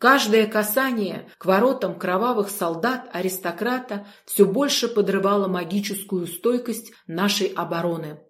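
A woman reading a first-person fantasy story aloud with measured, dramatic narration. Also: mid-range voice.

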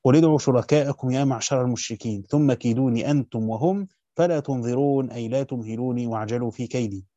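Egyptian male teacher, rapid text reading with casual asides, dry dull recording. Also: medium pitch, dark tone, no echo. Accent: Egyptian Arabic. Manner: reads classical Arabic quickly, then breaks into colloquial comments. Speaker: teacher reading a Quran commentary. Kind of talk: fast reading of a classical text with spoken asides.

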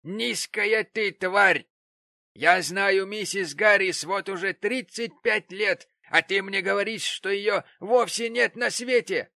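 Мужчина изображает визгливую сварливую старуху-сиделку. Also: male voice, takes it slowly, gravelly, bright, forceful tone, no echo, studio quality, exaggerated voice. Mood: indignant. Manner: shrill, scolding. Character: indignant old woman nurse, pompous and quarrelsome.

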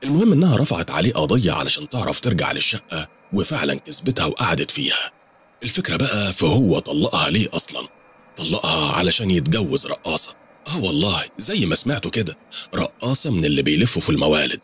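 Husky, quick Egyptian man telling horror. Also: sits low, very animated, fairly bright tone. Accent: Egyptian Arabic. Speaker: storyteller. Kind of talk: horror story narration.

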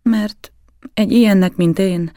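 Storybook role: man doing a hoarse, suspicious young servant, pitched up high, gravelly. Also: fairly even intonation, warm tone, no echo, studio quality. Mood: eager. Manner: defiant, halting, suspicious. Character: distrustful, sullen young male servant.

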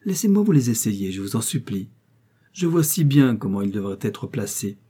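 A man voicing an effusive, flattering young woman who pleads and coaxes. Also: fairly low pitch, normal speed, slightly rough. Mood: gushing.

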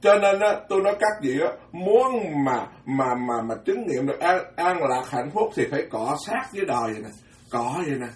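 In a sing-song manner at a moderate pace, a monk offers a folksy Buddhist Dharma talk laced with jokes, fumbling repeated words as he drives his points home. For a man, his pitch sits a bit high. He's recorded from a distance in a hall with a roomy echo.

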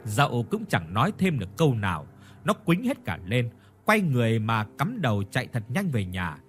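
A male storyteller narrates a rural ghost tale, his pitch rising and falling with lively drama. Faint music plays beneath his voice. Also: normal speed, husky. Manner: dramatic, acts out each character's lines. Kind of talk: scripted horror story narration.

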